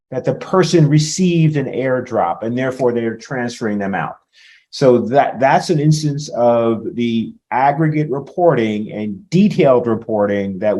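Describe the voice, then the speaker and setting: A man's voice: medium pitch, a little mellow. A man on a conference panel answering audience questions, laying out points one by one with frequent fillers. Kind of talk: panel discussion.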